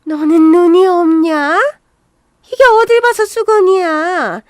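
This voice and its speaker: A woman's voice: high voice, a little slow, darkish tone, dry recording, clean studio sound. A woman voicing a bossy, scolding older mother-in-law who talks with harsh contempt.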